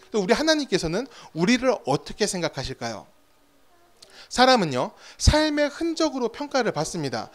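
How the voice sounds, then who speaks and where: A man preaching a sermon as pastor, telling stories with rhetorical questions and acted-out quotes. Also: sits high.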